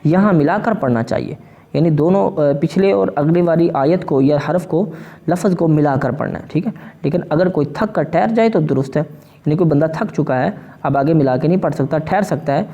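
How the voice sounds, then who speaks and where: Gravelly, mellow-voiced male Quran teacher. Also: lo-fi sound. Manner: repeats "ٹھیک ہے جی؟" with rising pitch. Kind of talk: explanatory lesson.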